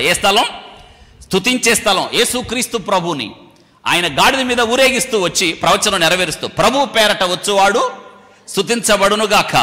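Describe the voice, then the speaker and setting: A man preaching a sermon, calling on his listeners to answer back and mixing English phrases into his speech. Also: high voice. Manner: animated preaching, calls for audience responses. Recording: long hall reverb.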